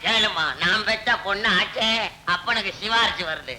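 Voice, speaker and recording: An actor playing a henpecked middle-aged husband in a 1970s film comedy, with exaggerated comic outbursts. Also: male voice, high-pitched, normal speed, noisy background, close to an everyday voice. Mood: blustering. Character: henpecked middle-aged husband, former clerk, blustering and pious.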